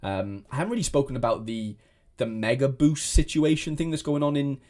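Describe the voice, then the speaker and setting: A man's voice: medium pitch, a little fast, a little mellow. Rambling young man. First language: Welsh. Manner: rambling, many restarts and fillers. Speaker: fantasy football content creator. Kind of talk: casual chat to camera.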